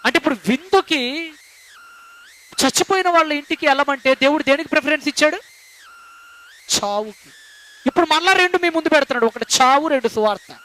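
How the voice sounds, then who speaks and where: A man's voice: extremely high pitch, brisk, long pauses, bright, forceful tone, a little hiss or hum. A male pastor preaching a sermon, speaking emphatically and asking the congregation rhetorical questions. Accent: Telugu.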